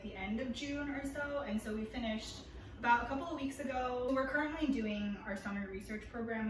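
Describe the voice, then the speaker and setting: A woman in her twenties leads a relaxed chat among friends. She sounds bubbly and laughs often, with plenty of fillers. Her voice comes from some distance in a strongly echoing room with clear background noise. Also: medium pitch. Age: 20s. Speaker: host. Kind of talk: casual chat. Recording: echoey room, mic far off, noisy.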